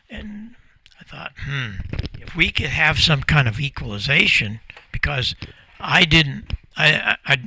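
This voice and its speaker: An American man in his 70s or older, a company founder and presenter, gives an informal, folksy and emphatic storytelling talk. His medium-pitched voice is pushed, bright and slightly rough. He sits at a desk in a small indoor ham radio room, close to a desk microphone in front of him.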